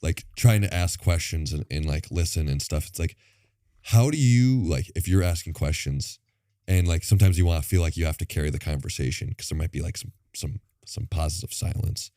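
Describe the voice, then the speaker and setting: A man co-hosting a podcast in casual chat, rambling with plenty of filler words and toying with fast and slow delivery. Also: deep voice, dark tone, no room sound, clean studio sound. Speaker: podcast co-host.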